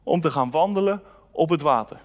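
High-voiced man preaching in a reverberant hall. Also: a little fast. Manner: conversational preaching with scripture reading. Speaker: pastor. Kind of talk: sermon.

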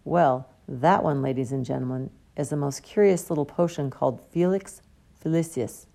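A woman's voice: sits low, moderate pace, vocal fry, warm tone. A woman voicing a genial, pompous older male potions teacher who talks theatrically.

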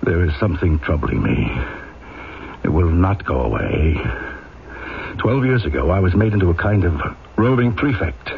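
Obsessive police inspector: very low, animated delivery, grave emphasis, tinny old radio drama sound. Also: male voice, moderate pace, vocal fry, slight background noise. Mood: brooding.

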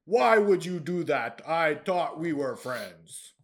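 A man voicing a huge, slow-witted male brute who talks in broken, simple English, loud and menacing. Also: fairly high pitch, animated. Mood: dim suspicious.

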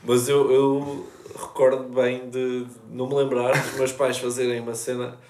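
A young man with a European Portuguese accent, chatting casually in a relaxed, slangy way and reminiscing. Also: medium pitch, normal speed, reverberant, slight background noise. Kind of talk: casual chat.

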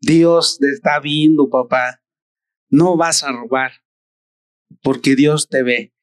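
Un hombre que hace la voz de un niño pequeño que advierte a su padre, con tono serio y suplicante. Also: male voice, medium pitch, steady tone, slow pace, smooth, no room sound, clean studio sound, natural voice. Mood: earnest. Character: little boy warning his father.

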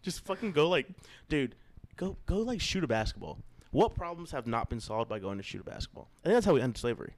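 A young man on a casual comedy podcast who rants loudly and profanely in mock-serious bursts. His voice sits slightly high and swings widely in pitch as he riffs on his co-hosts. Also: very animated, fast. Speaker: podcast co-host. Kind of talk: crude comedic banter.

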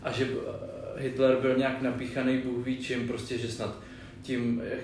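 A man's voice: mid-range voice, flat delivery, a little mellow, distant mic. A young man rambles through a casual podcast chat, slangy and full of restarts. His voice sits back from the mic in a very echoey room. Faint noise hangs behind him. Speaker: podcast co-host.

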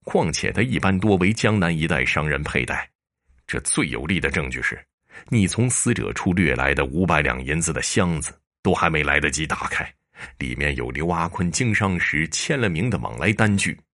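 A man voicing a shrewd, calm male prefect judge who speaks in a dry, measured, sternly mocking way. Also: a bass voice, heavily acted.

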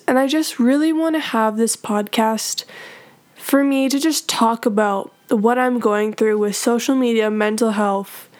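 High-pitched teenage girl podcaster. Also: a little mellow. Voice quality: talking with a dental retainer in. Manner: informal, earnest, rambling. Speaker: podcast host. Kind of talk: casual solo podcast talk.

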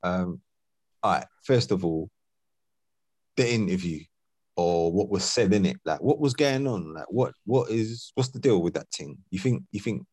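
A man's voice: on the low side, a little mellow, no echo. A man with an urban London street accent hosting a podcast in casual, slang-heavy roadman talk. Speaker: podcast host.

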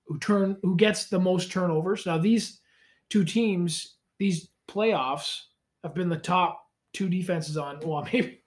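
A man's voice: high voice, slow. A young man co-hosting a casual sports podcast from a cold home garage, rambling and correcting himself as he talks. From Canada. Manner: rambling, self-correcting, laid-back. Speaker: podcast co-host.

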